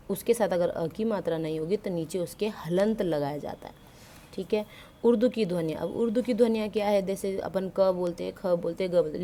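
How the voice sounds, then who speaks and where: Woman, teacher, grammar lesson, asks and answers her own questions, mixes in English words, mellow tone, faint background noise. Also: lowish voice. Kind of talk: explaining Hindi grammar to school students.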